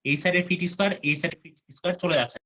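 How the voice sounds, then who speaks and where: A man's voice: high voice, racing, bright, forceful tone, muffled recording. A man teaching an online class, his voice cutting in and out over the call as he checks whether students follow. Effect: online call audio cutting in and out. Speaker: engineering teacher.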